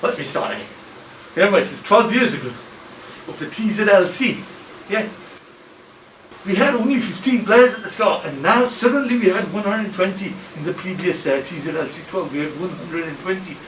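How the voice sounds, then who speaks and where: A man hosts a comedic football academy promo, rambling, joking, and tripping over his own restarts. His voice sits fairly high. He is recorded from a distance in an echoey room, with faint ambience behind him. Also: expressive, normal speed, a bit bright, slight background noise. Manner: rambling, stammering, jokey.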